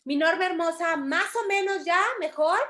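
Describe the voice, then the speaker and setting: A Mexican woman leads a spiritual study class, explaining ideas in a lively, expressive way. Her voice sits high and clear, and she acts out little quoted voices as she teaches. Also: moderate pace. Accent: Mexican Spanish. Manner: animated, acts out quoted voices, calls students affectionately. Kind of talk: teaching a course in an online group class.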